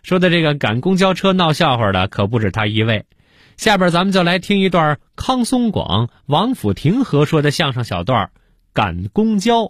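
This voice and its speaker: Jovial radio host. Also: male voice, a little high, very animated, moderate pace, no echo, studio quality. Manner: jovial, chatty. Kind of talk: radio presenting with rhymed intro. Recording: music playing behind.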